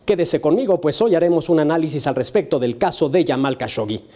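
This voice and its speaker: A man's voice: on the high side, fast, mellow. A man presenting a current affairs panel show in a formal television style, as its host.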